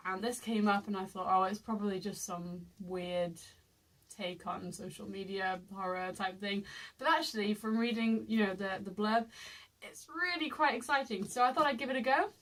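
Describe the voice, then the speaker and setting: A young woman chatting casually as a guest co-host, giggly and rambling, trailing off into soft asides. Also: medium pitch, steady tone, normal speed, rough recording. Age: young adult. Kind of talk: casual book haul chat.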